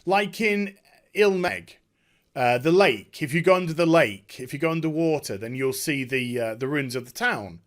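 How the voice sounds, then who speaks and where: A gaming video creator, a man, recaps a story casually and with real enthusiasm. His delivery is emphatic, halting and rambling, with a slightly high, lively intonation.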